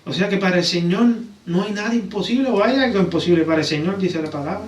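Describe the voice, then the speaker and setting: Speaking quickly in a voice that sits high, a man from Puerto Rico preaches conversationally in a church sanctuary. He repeatedly looks for agreement with rhetorical tag questions, and the recording is roomy and distant, with noise in the background.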